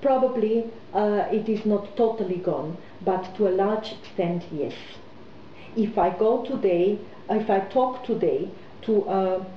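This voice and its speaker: A woman's voice: medium pitch, a little hiss or hum. Woman, hesitant, roomy sound. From Austria. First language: German. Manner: hesitant, many fillers and restarts. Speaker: interviewee, businesswoman. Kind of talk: conversational interview. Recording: roomy, slightly muffled recording.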